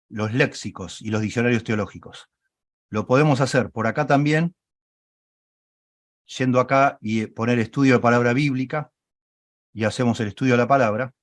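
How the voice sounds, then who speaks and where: A man leads an online Bible study class, talking his listeners through software on screen. He explains patiently, keeps checking that they follow, and corrects himself as he goes. His voice sits at an ordinary male pitch in a dry, close recording. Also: no room sound.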